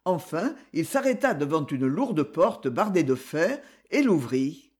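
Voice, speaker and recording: A man narrating an adventure audiobook in an expressive, dramatic reading style. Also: a little high, unhurried. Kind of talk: scripted narration.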